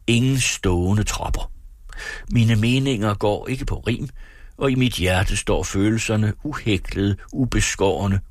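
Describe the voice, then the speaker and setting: A man giving a dramatic reading of an old essay, with a theatrical delivery that swings between high and low. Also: no echo, studio quality. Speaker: reader.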